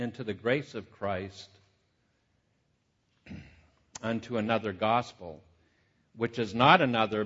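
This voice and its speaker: A male preacher teaching from the Bible in a halting, conversational way, his voice echoing as if in a big cave. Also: a bit bright. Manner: conversational and halting, with repeated false starts. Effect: booming cave-like echo on the voice. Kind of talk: Bible teaching sermon, reading scripture aloud. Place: large reverberant room. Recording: echoey hall, muffled lo-fi sound.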